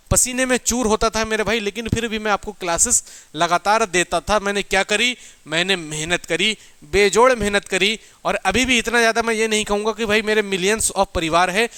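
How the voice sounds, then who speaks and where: A man with a high, bright voice teaches as an exam coaching teacher, giving students an informal motivational lecture. He's emphatic and colloquial, posing questions and answering them himself. The tone is clean with no echo.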